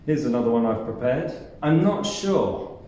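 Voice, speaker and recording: A man's voice: medium pitch, expressive, normal speed, mellow, slight background noise. A man with a New Zealand accent teaching English phrases, acting out each example with exaggerated intonation. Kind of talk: scripted language lesson. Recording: echoey room, mic at a distance.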